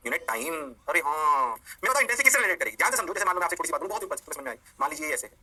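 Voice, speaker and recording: A man teaching a physics lecture, animated and playing both sides of a call-and-response with his students. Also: fairly high pitch, rapid-fire, husky, poor audio. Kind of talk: energetic classroom lecture.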